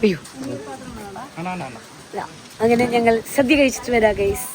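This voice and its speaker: A chatty woman with a high-pitched voice hosts a casual family vlog. She slips English words into her speech. Busy chatter from a group surrounds her. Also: unhurried. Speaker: vlogger hosting a family festival vlog. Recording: busy crowd chatter around the voice.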